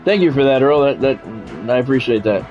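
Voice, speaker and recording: Over faint background music, a man with a mid-range voice and lively intonation narrates his football video game live stream. He alternates casual, blunt talk with play-by-play, haltingly repeating words and phrases. The sound is dull.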